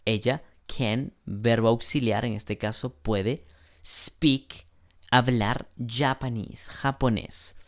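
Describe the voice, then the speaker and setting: A male teacher gives an English lesson at an unhurried, careful pace. He lays out each rule step by step and pauses to clear his throat now and then. His pitch sits in a middle range for a man. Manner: slow, deliberate explanations, often clears throat. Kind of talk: online class lesson.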